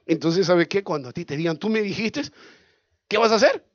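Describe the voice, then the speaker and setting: Man, pastor, sermon, animated delivery, lo-fi sound. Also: fairly high pitch, quick pace, no room sound. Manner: animated, asks the congregation questions, acts out scenes.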